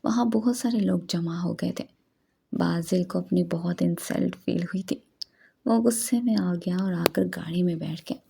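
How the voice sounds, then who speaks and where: Gravelly low-voiced woman narrating a novel. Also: normal speed. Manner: steady storytelling read. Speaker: audiobook narrator.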